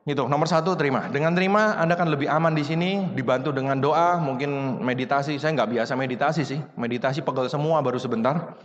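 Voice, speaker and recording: A man's voice: a little high, quick pace, big-room sound, highs cut off. A man giving a conversational motivational talk to an audience, acting out little dialogues as he goes. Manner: conversational, addresses audience as Bapak Ibu, acts out dialogues. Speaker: motivational speaker.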